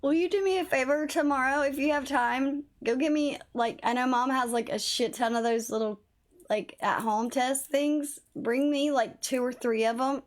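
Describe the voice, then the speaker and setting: Chatting casually with her viewers while livestreaming a game, this woman swears a little and speaks at a normal speed. Her high-pitched voice sounds slightly worn, as if she's losing it. She's recorded on a phone.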